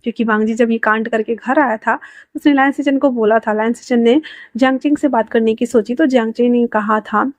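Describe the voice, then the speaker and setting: A woman's voice: fairly high pitch, fairly even intonation, brisk, no echo. Woman narrating fan fiction casually. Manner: chatty, informal retelling. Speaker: storyteller.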